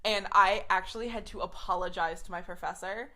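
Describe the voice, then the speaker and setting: A woman's voice: mid-range voice, fairly even intonation, a little fast, bright, forceful tone. A woman in her twenties hosting a podcast, telling a story in a casual, rambling way full of "like". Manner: chatty storytelling, heavy use of "like" fillers. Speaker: podcast host. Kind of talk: casual chat.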